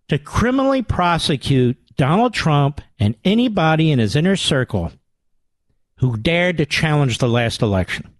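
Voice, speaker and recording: A talk radio host rants with sarcastic indignation. His voice sits high for a man and swings widely in pitch. The studio sound is dry and close. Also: no echo. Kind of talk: combative political talk radio monologue.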